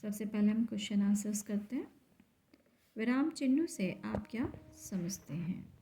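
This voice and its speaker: A woman teacher, going through a grammar lesson slowly and step by step, asking and answering her own questions. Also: mid-range voice, animated, dark tone, a little hiss or hum. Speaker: school teacher.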